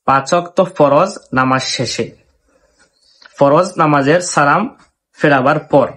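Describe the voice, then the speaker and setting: A man giving earnest, measured religious instruction as an Islamic preacher, reciting short Arabic verses slowly. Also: on the high side, fairly bright tone.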